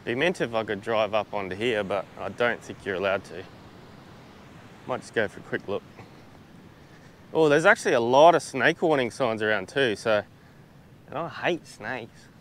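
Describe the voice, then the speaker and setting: A man's voice: on the low side, normal speed, pauses often, a little hiss or hum. An Australian man chatting casually through a travel vlog on a beach, laid-back, with lots of fillers and restarts, recorded outdoors on a small camera-mounted mic. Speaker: travel vlogger.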